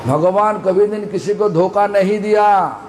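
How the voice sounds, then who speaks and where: A man's voice: high voice, a little slow, darkish tone, slight background noise, low-quality recording. A man giving a devotional storytelling sermon as a spiritual teacher. He repeats phrases for emphasis and asks his listeners questions.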